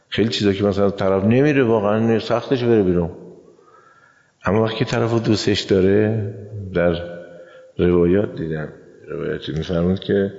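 A man's voice: sits low, creaky, mellow. An older man from Iran preaching a colloquial sermon, telling stories in a folksy way and acting out the voices of the people in them. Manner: folksy storyteller who acts out the voices in his tales. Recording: dull lo-fi sound with long hall reverb.

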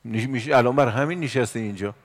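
A man delivers an evening sermon to a gathered audience, his voice gravelly with fry. He swings from loud, emphatic exhortation down to hushed, murmured lines. His pitch sits in an ordinary middle range. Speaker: preacher.

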